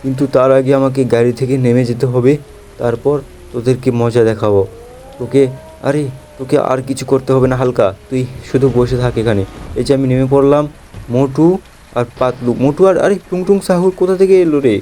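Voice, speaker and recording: A young man with a Bengali accent, chatting excitedly as a gameplay host talking to viewers. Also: medium pitch, fairly quick, a little hiss or hum. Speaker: gaming channel host. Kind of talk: playful gameplay commentary.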